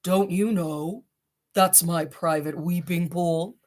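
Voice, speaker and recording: Woman putting on an old male rhinoceros, gruff, self-pitying, angry, lamenting, children's storybook character. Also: steady tone, slow. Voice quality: deep, gruff. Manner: grumbling, lamenting. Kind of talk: children's storybook read aloud.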